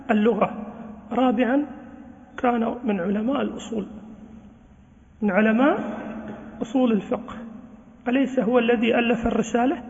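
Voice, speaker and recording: A man's voice: extremely high pitch, a little mellow. A man preaching an earnest sermon to students, exhorting them and asking rhetorical questions. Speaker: Islamic preacher. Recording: dull lo-fi sound with long reverb.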